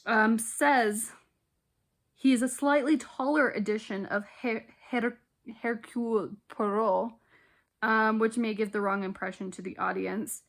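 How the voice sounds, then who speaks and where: A woman's voice: a little high, fairly even intonation, measured pace. A young woman vlogging casually from her bedroom, chatty and giggly as she thinks aloud. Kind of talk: casual chat.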